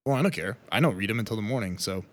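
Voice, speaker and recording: Fairly low-voiced man in casual podcast banter. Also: animated, racing, slight background noise. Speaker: podcast co-host.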